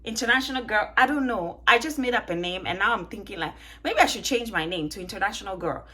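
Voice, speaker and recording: Her voice is medium-pitched, quick, bright and forceful. She's a vlogger in her thirties with a Ghanaian, Italian, British and American accent mix, joking and chatting to camera at home as she detangles her hair, laughing frequently and asking her viewers things.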